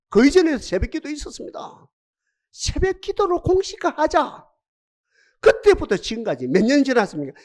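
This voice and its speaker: Male pastor, sermon; extremely lively pitch, dramatic with rhetorical questions. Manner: dramatic preaching, rhetorical questions, swings from loud to hushed. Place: church sanctuary.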